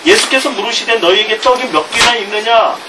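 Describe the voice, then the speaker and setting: Gyeongsang-accented pastor preaching from afar. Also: male voice, very high-pitched, fairly quick. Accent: Gyeongsang Korean. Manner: expository preaching, reading scripture aloud, chuckling asides. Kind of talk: sermon. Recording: distant mic with background noise.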